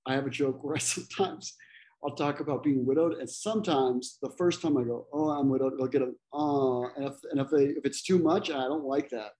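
A man's voice: medium pitch, fairly quick, dark tone, poor audio. A man in his forties who grew up in Ecuador, chatting casually as a comedian guest, self-deprecating and laughing often. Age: 40s. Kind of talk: casual podcast chat.

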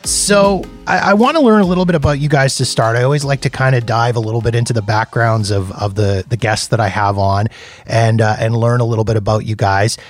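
A man's voice: mid-range voice, a little fast, soft background music. A man hosting a podcast interview over a video call, asking rambling questions with many restarts. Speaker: podcast host.

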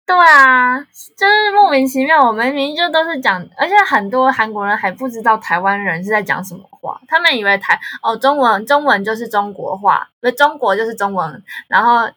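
A young woman with a Taiwanese accent, casually telling stories in conversation in an animated way. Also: on the high side, brisk, hardly any pauses. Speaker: guest, language tutor.

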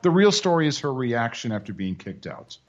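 A man's voice: mid-range voice, big pitch swings, fairly quick. A man hosting a commentary show, narrating with dry, mocking asides. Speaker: commentary host. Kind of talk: sarcastic commentary. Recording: dull lo-fi audio.

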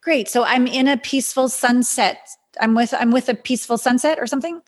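A higher-voiced woman leads a guided healing exercise. Her tone is airy and husky with breath, and she speaks like a mystical healer, giving soothing, chant-like prompts between conversational explanations. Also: brisk. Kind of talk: guided meditation coaching, conversational.

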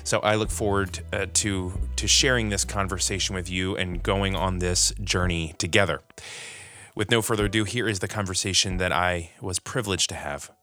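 An enthusiastic man hosts a podcast interview in a fairly low voice. He talks earnestly and often restarts his sentences. Faint music plays underneath. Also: fairly even intonation, normal speed, pushed and bright. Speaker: podcast host.

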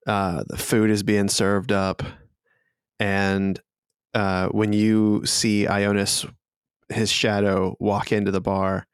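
Slow gravelly game master. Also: male voice, lowish voice, little pitch movement, no echo, clean studio sound. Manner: slow, laughing narration. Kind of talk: narrating a tabletop game.

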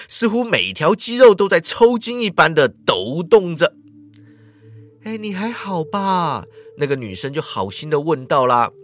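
Man, story narration, higher voice, very animated pitch, vocal sound effects. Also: no room sound. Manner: lively, with drawn-out particles and sound effects.

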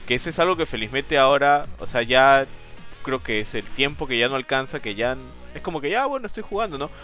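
A man talks in a loose, rambling way, full of fillers and jokes at his own expense. His voice has a crisp, forward brightness. Soft music sits under the talk. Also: medium pitch, brisk. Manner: rambling, self-mocking, lots of fillers. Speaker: podcast co-host. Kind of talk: casual chat.

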